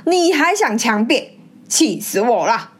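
Woman reader as a hot-tempered rich old man, voice dropped lower, storybook. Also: steady tone, measured pace, lightly acted. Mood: furious. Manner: angry, blustering. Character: older wealthy man, hot-tempered master. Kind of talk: storybook reading.

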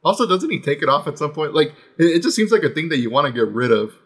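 A man's voice: fairly high pitch, big pitch swings, quick pace, fairly bright tone, husky. A man co-hosting a casual podcast, easygoing and chuckling as he steers the chat. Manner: easygoing, chuckling, drifts between topics. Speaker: podcast co-host.

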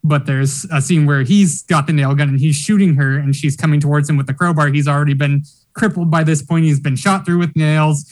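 Enthusiastic man with a fairly high voice. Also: fairly even intonation, a little fast, hardly any pauses. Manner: enthusiastic, detailed analysis. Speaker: podcast co-host. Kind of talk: casual film discussion.

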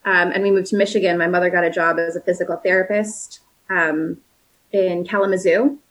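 A woman's voice: lowish voice, steady tone, brisk, rough recording. A woman in her late twenties, originally from South Africa, chatting casually and upbeat as an interview guest, with lots of fillers and easy laughs.

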